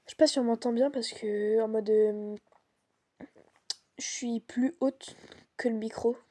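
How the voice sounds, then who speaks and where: A woman plays a horror game and comments as she goes in loose, slangy chat. Her voice sits a bit high, with a soft, mellow tone and a husky edge. She reacts to the game casually, talking to a partner. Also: steady tone, measured pace. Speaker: game streamer.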